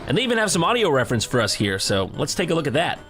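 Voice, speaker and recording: Sarcastic high-voiced male commentator. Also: very animated, fairly bright tone. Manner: sarcastic, quick jokes, laughing. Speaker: reaction video host. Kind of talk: comedic commentary. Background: background music.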